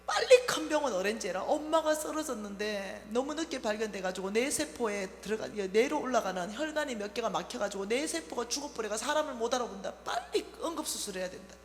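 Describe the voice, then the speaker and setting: A woman's voice: fairly high pitch, fairly quick, hardly any pauses. A middle-aged woman with a Gyeongsang Korean accent preaches a testimony and tells her story with vivid energy. Her voice moves widely up and down. It carries a long reverb in a church hall over a faint hum. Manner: lively, animated storytelling with dialect. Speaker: lay minister at a revival meeting. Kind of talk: sermon testimony.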